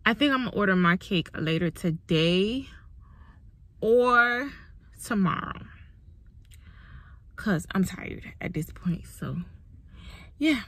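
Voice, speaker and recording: A woman's voice: medium pitch, animated, takes it slowly, long pauses, a bit bright. A woman, chatting casually in a rambling vlog with lots of fillers. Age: 20s. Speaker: vlogger. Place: on the go, outdoors and in a car.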